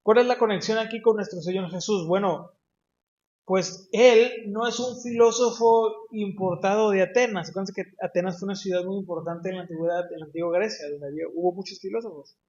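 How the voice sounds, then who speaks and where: Man, Mexican accent, preacher, high voice, echoey church, slightly muffled sound. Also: a little fast, darkish tone, slight background noise. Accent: Mexican Spanish. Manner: teaching, addresses the congregation directly with questions. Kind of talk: sermon. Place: church hall.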